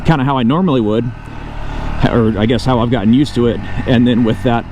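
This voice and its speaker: Man motovlogging over loud outdoor motorcycle noise. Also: mid-range voice, fairly quick. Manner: talks to himself and viewers, thinking aloud. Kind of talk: casual off-the-cuff vlog narration while riding.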